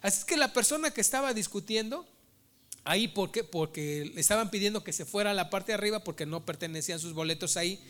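Male preacher, bright, tense tone, storytelling sermon. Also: high voice, lively intonation, fast talker. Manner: storytelling, addresses listeners as brothers.

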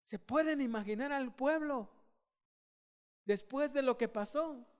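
A man preaching a sermon, dramatic, swinging from hushed storytelling to shouts and urging the congregation to join in. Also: very high-pitched, a little slow, smooth.

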